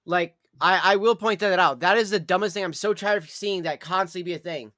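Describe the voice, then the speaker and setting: In a brisk, pushed and bright voice that's noticeably high for a man, this live streamer chats off the cuff. His casual talk is rambling, repetitive, blunt and full of swearing, and the recording is close and dry, with hardly any room echo.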